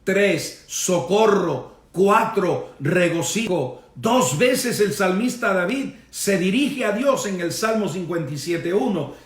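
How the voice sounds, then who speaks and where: High-voiced preaching man in an echoey room. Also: expressive, measured pace, few pauses, distant mic. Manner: emphatic preaching, punctuated with amen and hallelujah. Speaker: pastor. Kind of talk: sermon.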